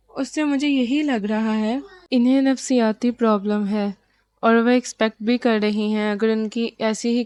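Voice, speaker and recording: A woman reading as a male doctor explaining a diagnosis calmly. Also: a little high, natural voice. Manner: measured, explanatory.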